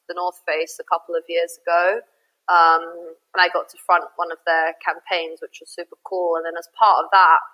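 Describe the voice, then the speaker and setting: A woman's voice: fairly low pitch, bright, forceful tone, low-quality recording. A woman in her thirties who grew up in Greece, chatting enthusiastically as a podcast guest with lots of fillers. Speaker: guest, surf retreat organiser. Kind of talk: casual interview chat.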